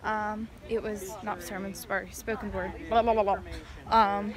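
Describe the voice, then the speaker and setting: Speaking at a normal speed in a mid-range, level tone, a young woman vlogs from her car into a phone at arm's length, and a crowd can be heard in the background along with car noise. Her chat is casual, packed with fillers, and exasperated in tone.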